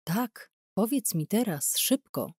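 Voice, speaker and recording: A woman narrator voicing a male interrogator in a wartime audiobook, speaking in a slow, measured, quietly coaxing way. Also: mid-range voice, very animated, husky, no room sound, clean studio sound, heavily acted. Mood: insistent. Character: male German interrogator, coldly persuasive. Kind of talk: audiobook character reading.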